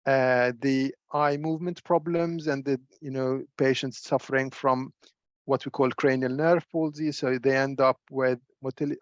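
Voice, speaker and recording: A middle-aged man giving a webinar lecture as a neuro-ophthalmologist, measured and full of fillers and repeated words. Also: mid-range voice, no echo, lo-fi sound. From Syria. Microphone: video call.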